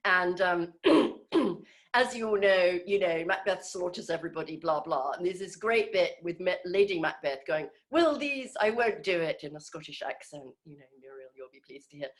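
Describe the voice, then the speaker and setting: A woman's voice: fairly low pitch, normal speed. Woman talking casually over video call. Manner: conversational, hesitant with many fillers and restarts. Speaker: speaker in an online group session. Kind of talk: informal talk.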